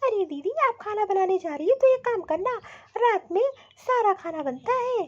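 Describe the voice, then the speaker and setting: Cartoon bahu, voiced by a woman: sharp-tongued, very high, dull recording. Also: animated, moderate pace. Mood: defiant. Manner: snappy, talking back. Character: defiant young daughter-in-law, sharp-tongued. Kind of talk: cartoon voice acting.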